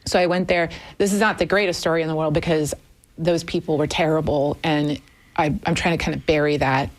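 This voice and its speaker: Candid woman with a low voice. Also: steady tone, brisk. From Germany. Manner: thoughtful, candid, with frequent fillers. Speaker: guest. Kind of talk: conversational radio interview. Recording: radio studio.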